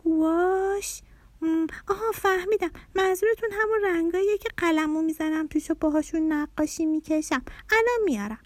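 Woman doing an eager little girl. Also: no room sound. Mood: thoughtful. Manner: high, excited childlike voice.

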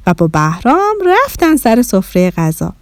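A woman narrating a children's story in a lively, expressive way. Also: medium pitch, dry recording, clean studio sound.

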